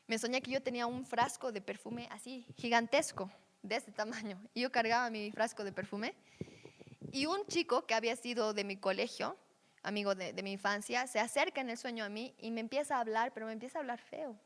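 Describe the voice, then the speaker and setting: A woman with a fairly high voice leads a teaching session in a conversational way, often checking in with her listeners. Her voice carries a long reverb, as if heard in a large hall. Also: a little fast. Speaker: Bible teacher.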